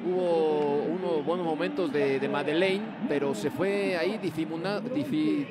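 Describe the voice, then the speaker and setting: A man co-commentating on a football match in a conversational, halting way. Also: fairly high pitch, over loud music. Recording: clear stadium noise behind commentary.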